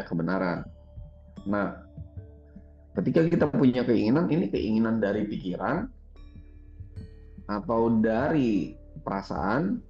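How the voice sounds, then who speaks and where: Brief: man, gravelly, relaxed teacher voice, slightly dull roomy recording. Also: on the low side. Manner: relaxed, chatty, laughs often, peppers talk with "gitu". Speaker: spiritual teacher. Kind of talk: casual conversational teaching.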